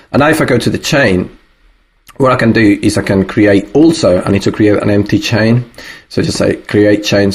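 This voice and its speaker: A man's voice: deep voice, a little mellow. A man talking through a music production tutorial in a loose, thinking-aloud way, with plenty of fillers. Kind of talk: casual screen-recorded tutorial.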